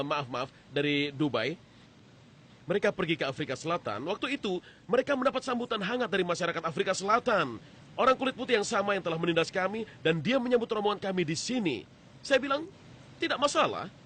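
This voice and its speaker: A man's voice: high-pitched, fast talker, a little hiss or hum. A man giving a dubbed lecture voice-over, telling an anecdote with quoted back-and-forth dialogue. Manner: animated storytelling with quoted dialogue.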